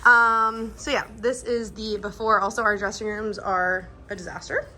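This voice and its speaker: A woman's voice: mid-range voice, steady tone, normal speed, sharp tone, a little hiss or hum. A woman giving a casual, chatty vlog tour indoors, informal and peppered with "like". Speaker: vlogger and boutique owner. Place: indoors in store units.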